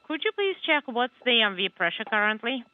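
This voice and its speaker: High-voiced man over a tinny space radio. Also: big pitch swings. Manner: brisk, procedural, relaying instructions. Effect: crackly narrow radio transmission, like a space communicator. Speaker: interpreter on space-to-ground radio loop. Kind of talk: clipped radio-protocol talk. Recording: tinny radio comms link.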